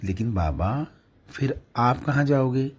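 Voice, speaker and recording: A man's voice: mid-range voice, lively intonation, slow, slightly rough, voice pushed up. A man voicing a confident caring young husband. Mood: pleading. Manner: reassuring.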